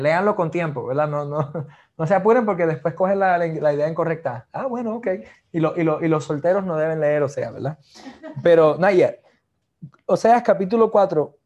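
A man's voice: a little high, darkish tone. A man with a Puerto Rican accent, preaching a sermon over a video call in a chatty way, slipping between Spanish and English. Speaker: pastor.

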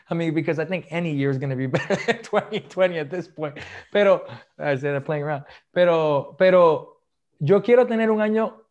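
A man's voice: on the high side, darkish tone, dull audio. A man in his thirties preaching a sermon, switching between Spanish and English and joking with his congregation. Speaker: pastor. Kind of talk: bilingual sermon.

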